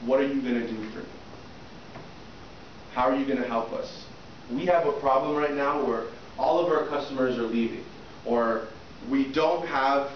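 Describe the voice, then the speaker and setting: In an interview-prep workshop, a male soft skills trainer with a medium-pitched voice quizzes a small class, often checking with "okay?" The room is a small indoor classroom with a projector screen. Recorded by a distant camera at the back, the sound is echoey, muffled and noisy.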